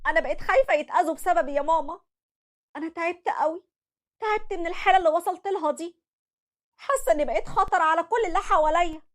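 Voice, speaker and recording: A woman's voice: high-pitched, fast, voice pushed up, natural voice. A woman with an Egyptian accent voicing a grieving, tearful young wife and mother. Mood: distraught. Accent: Egyptian Arabic. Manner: pleading, tearful.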